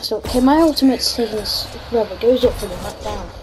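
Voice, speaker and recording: Girl doing casual gaming commentary, really high voice, chatty, music behind her. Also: fast, rough recording. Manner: chatty, reacts aloud to the game. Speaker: gaming video host. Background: background music.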